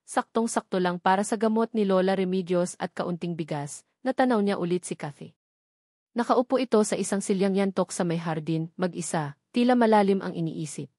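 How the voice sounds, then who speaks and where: An audiobook narrator with a Filipino accent reads a dramatic scripted story in a mid-range, slightly mellow voice. The recording is dry and studio-clean.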